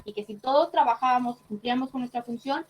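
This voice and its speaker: A woman's voice: a little high, fast, a little hiss or hum, rough recording. A woman teaching an online class, explaining patiently and checking in with short tag questions. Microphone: computer mic on a video call.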